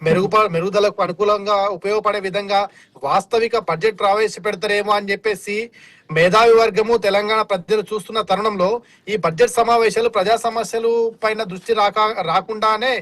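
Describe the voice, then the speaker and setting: A man's voice: sits high, steady tone, a little fast, a bit bright, dry recording. A man, a party spokesperson speaking formally into a video call in a TV debate. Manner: formal, declamatory, some restarts. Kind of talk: political debate statement.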